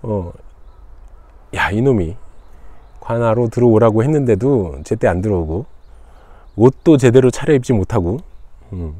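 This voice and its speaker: A man from Jeju, a channel host, casually retelling a folktale outdoors in a relaxed, conversational way. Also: on the low side, a little slow, pauses often, dry recording. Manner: relaxed, conversational, frequent fillers.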